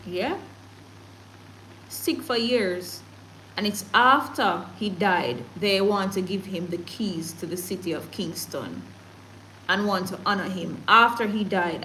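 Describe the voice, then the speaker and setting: A Jamaican woman hosts a news livestream, casually reading comments and news while laughing often, mixing in patois, and speaking in an animated, emphatic manner. Her voice is medium-pitched, and the poor audio carries a little hiss or hum.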